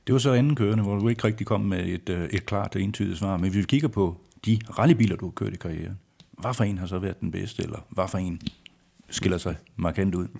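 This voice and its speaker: A male podcast host asks his guest questions with a low voice and a gravelly rasp. He prompts and follows up in a curious, conversational tone. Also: darkish tone. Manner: inquisitive, prompting. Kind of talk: interview questions.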